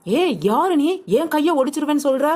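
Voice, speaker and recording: A woman voicing a quick-tempered young female shopper in a comedic cartoon, firing back indignant retorts. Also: high voice, a little mellow, close to an everyday voice. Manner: indignant, rapid-fire retorts.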